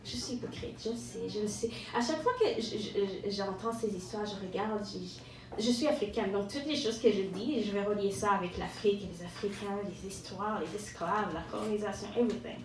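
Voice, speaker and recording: A Rwandan woman with a mid-range voice performs a self-mocking, ironic stand-up monologue for a live audience, often pausing and repeating words. The venue is echoey, the mic is distant, and audience noise can be heard.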